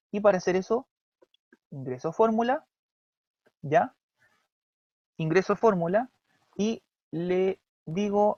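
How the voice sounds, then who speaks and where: Chilean teacher checking "¿ya?" on a dull mic. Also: male voice, sits high, darkish tone, no room sound. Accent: Chilean Spanish. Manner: explains step by step, often checks with "¿ya?" and "¿sí?". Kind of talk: recorded online class lecture.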